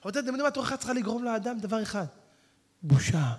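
Guy preaching a sermon, high sharp voice, goes from hushed to yelling, long hall echo. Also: expressive, noisy background. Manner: swings from hushed to shouting, addresses listeners directly. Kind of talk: Torah sermon to an audience.

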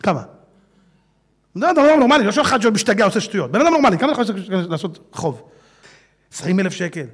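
A man giving an animated sermon to an audience, dropping to a hush and then breaking into loud, laughing exclamations. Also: sits high, pauses often, slightly rough. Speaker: religious speaker.

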